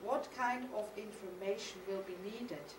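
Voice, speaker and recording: A middle-aged artist with a German accent reads her conference lecture, prepared and partly poetic, from a podium in a mid-range voice. Her pace is measured and reflective, broken by some hesitations. She uses a podium mic on a stand on the stage of a mid-sized studio hall, and the noisy, echoey recording comes from the camera's distance.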